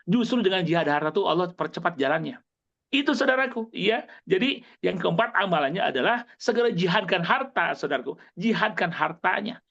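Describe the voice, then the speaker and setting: A man preaching to his audience, emphatic and repetitive, swinging between high exclamations and low, earnest stretches. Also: a bit bright. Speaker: Islamic preacher. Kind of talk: motivational religious talk to an audience. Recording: dull lo-fi recording.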